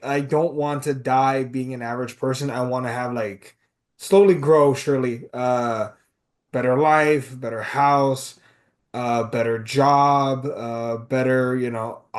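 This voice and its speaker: Brief: thirties male co-host, mid-pitched, animated, trips over his words, casual chat. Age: 30s. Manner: animated, stumbles and restarts while talking. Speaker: podcast co-host. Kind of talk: casual movie review chat.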